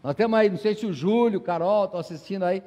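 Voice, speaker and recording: A man's voice: sits high, quick pace, mellow, lo-fi sound. A male pastor preaching a sermon in a church, firing rhetorical questions at the congregation. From São Paulo, Brazil. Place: church sanctuary. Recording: long church-hall reverb.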